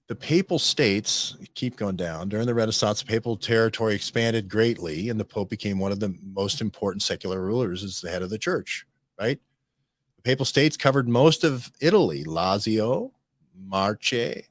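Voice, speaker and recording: A low-voiced man hosts a loose studio discussion, his pitch swinging widely as he rambles and checks in with his listeners. The sound is dry and close, with no room around it. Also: no echo. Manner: rambling, animated, many restarts and "right?" checks. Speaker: host.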